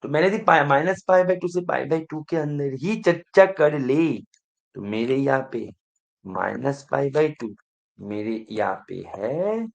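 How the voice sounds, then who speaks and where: A man's voice: medium pitch, slow, vocal fry. A man teaching math in an exam-prep lecture, who keeps quizzing the students and repeating his prompts to pay attention.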